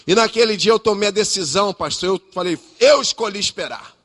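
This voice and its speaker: A woman's voice: mid-range voice, brisk, voice pushed up, lightly acted. A man putting on a gushing makeup girl. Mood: excited. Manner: loud, breathless, confessional chatter. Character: gushing young female makeup artist, chatty.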